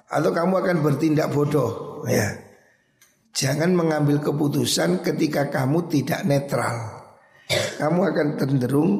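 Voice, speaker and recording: Gravelly Javanese preacher in an echoey hall. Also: male voice, fairly high pitch, a little mellow. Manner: explains Arabic text in Indonesian and Javanese, repeats advice. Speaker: preacher teaching a hadith book. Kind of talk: religious lecture.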